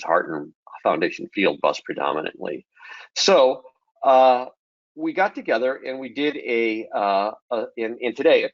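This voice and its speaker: A man gives a technical webinar in a low, early-morning voice, talking in a relaxed way with plenty of ums. The sound is dry and muffled, like a computer mic on a call. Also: no echo. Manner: relaxed, with frequent ums and restarts. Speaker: webinar presenter. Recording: dull lo-fi webinar audio.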